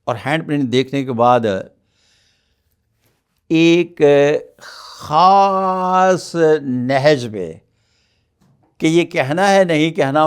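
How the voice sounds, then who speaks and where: Man, palmist guest, formal measured delivery, mid-pitched voice. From Pakistan. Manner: measured, formal, courteous phrasing. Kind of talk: podcast interview.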